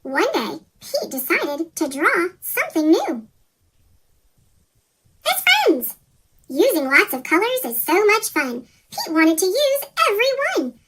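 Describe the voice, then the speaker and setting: A reader of a rhyming children's picture book, voice pitch-shifted into a chipmunk effect, reading in a sing-song way. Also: wildly swooping pitch, slow pace, pushed and bright, slight background noise. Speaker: storybook reader.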